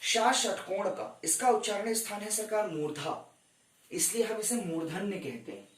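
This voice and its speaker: A man gives an exam-prep grammar lecture, explaining step by step, respectfully calling his students "sarkar" and counting down for screenshots. He speaks at a moderate pace in a high-pitched voice, sounding roomy and distant from the mic.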